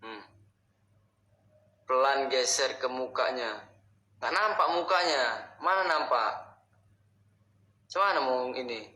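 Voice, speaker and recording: A young man hosting a ghost-hunting explore vlog, talking slowly with a questioning tone and often muttering prayers, sometimes dropping to hushed, whispery asides. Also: mid-range voice, lively intonation. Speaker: vlog host exploring a haunted spot. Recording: echoey space with faint background noise.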